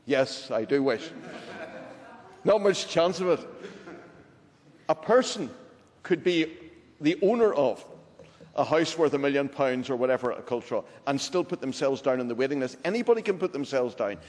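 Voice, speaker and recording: An older man with a Northern Irish accent answers questions formally at a middle pitch. He is deliberate and emphatic, repeating phrases, and his voice rings in a long hall reverb. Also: lively intonation, a little mellow.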